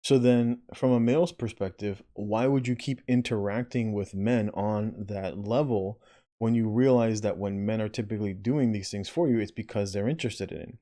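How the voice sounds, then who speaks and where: A man's voice: fairly low pitch, normal speed, mellow. A man giving blunt reaction commentary, often tagging his points with a question and swearing. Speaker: video commentator. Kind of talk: reaction commentary on a played clip.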